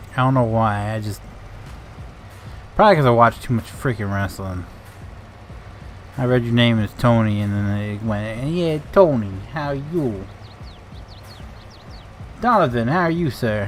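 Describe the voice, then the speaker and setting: A man's voice: medium pitch, unhurried, pauses often, faint music behind. Casual, cussing male game streamer. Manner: laid-back, swears casually, greets and thanks viewers. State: tired and grumpy. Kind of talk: casual live-stream chat while playing a farming game.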